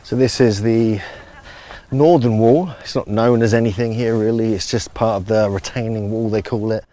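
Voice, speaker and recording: A man's voice: lowish voice, fairly even intonation, moderate pace, warm tone. A man recording handheld video as he walks through ancient temple ruins outdoors, describing the massive stones with enthusiasm. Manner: enthusiastic, marveling at size. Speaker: travel vlogger guiding viewers around ruins. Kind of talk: walking-tour commentary. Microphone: handheld camera without its stabilizer, filming himself.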